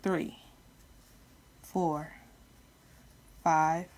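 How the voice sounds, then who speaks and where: A woman's voice: low-pitched, little pitch movement, drawn-out words, darkish tone. A woman giving casual step-by-step craft instruction as a tutorial host, informal, with slightly lisped speech from wearing retainers.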